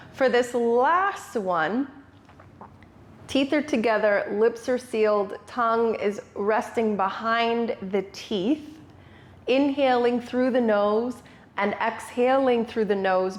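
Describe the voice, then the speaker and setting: A woman's voice: a little high, takes it slowly. A woman yoga instructor leading a guided breathing tutorial, giving short step-by-step cues.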